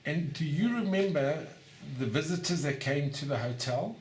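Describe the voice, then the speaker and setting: A man conducting an oral history interview in his interviewee's home, asking short, gentle follow-up questions. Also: fairly high pitch, animated, normal speed. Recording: roomy echo in a home.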